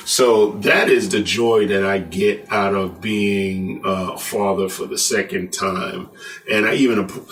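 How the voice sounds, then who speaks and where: Laid-back man around fifty, bright voice. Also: on the low side, far from the mic, poor audio. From New York. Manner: laid-back, laughs while telling stories. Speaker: co-host, husband. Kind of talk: casual storytelling chat.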